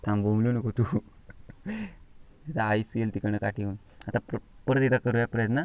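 A man's voice: medium pitch, clean tone, no echo, low-quality recording. Chatty Konkan man filming on a phone. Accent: Konkani Marathi. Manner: chatty, excitable, mild swearing at the scorpion. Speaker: vlogger. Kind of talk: casual outdoor demonstration vlog. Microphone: phone camera.

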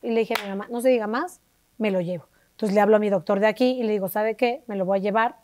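A Mexican woman, an interview guest, telling a personal story in a lively way and acting out the voices of the people she quotes. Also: mid-range voice, fast, no echo. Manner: animated, acts out quoted dialogue with shifting voices. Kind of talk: conversational storytelling.

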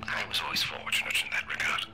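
An actor playing a sinister, cryptic man in a horror video game, with a gravelly, breathy voice. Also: quick pace, loud music behind the voice, close to an everyday voice.

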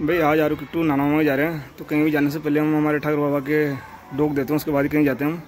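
A man's voice: on the high side, completely flat delivery, quick pace. A young man, a family vlogger chatting casually at home and often calling his viewers brother. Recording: noisy home phone recording.

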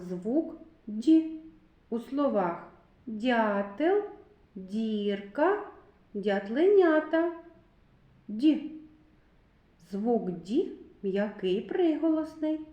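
Slow sing-song woman teaching small children. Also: a little high, warm tone, reverberant. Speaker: kindergarten teacher. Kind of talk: literacy lesson for young children.

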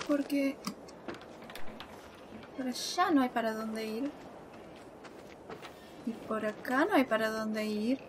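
Woman, let's play commentary, nervous self-talk, high-ish voice, noisy background. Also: takes it slowly, pauses often. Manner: nervous, talks to herself while playing a horror game. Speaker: gamer.

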